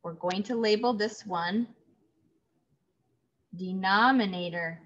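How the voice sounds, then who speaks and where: Woman, schoolteacher, unhurried, bright tone, repeats words for kids, muffled lo-fi audio. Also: mid-range voice. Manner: slow, clear, repeating key words for children. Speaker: third grade teacher. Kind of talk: online classroom lesson. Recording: dull lo-fi audio.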